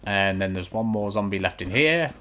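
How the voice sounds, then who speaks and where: A gaming video host with a fairly low voice walks viewers through a video game, casual, instructional, matter-of-fact, and reassuring. He's expressive and keeps a moderate pace. His home recording is clearly noisy, with some clicking behind him.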